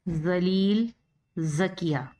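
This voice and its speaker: A woman's voice: fairly low pitch, very slow, mellow. A woman teaching Urdu, spelling words out letter by letter and repeating each one. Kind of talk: slow spelling-out lesson.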